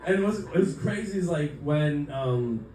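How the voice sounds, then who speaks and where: A man's voice: fairly high pitch, expressive, measured pace, a little mellow. A young man performing a stand-up set in a club, loose and rambling, swearing freely and leaning on fillers. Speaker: stand-up comedian. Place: comedy club, indoors. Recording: echoey club from far off.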